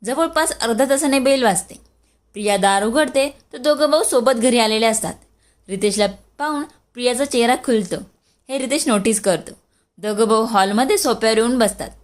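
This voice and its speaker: A woman storyteller narrating a serialized family story in a steady, plain way. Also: on the high side, normal speed.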